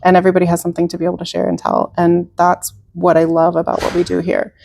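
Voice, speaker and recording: A woman's voice: lowish voice, completely flat delivery, fast, vocal fry, slight background noise. A middle-aged woman speaking earnestly in a conversational interview, with frequent fillers and restarts. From Czech heritage, raised in America. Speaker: museum representative.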